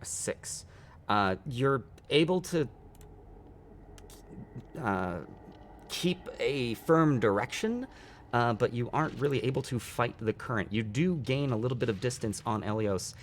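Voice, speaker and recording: A man narrating a live tabletop game as dungeon master, unhurried and halting, with many fillers. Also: mid-range voice, lively intonation, a little hiss or hum.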